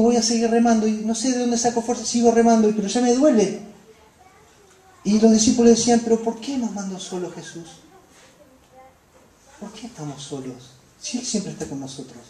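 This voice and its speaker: A woman with a Rioplatense Spanish accent preaching a sermon, passionate, dropping to hushed phrases and rising to emphatic ones. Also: a little high. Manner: impassioned, swings between soft hushed phrases and raised emphatic ones. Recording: echoey room.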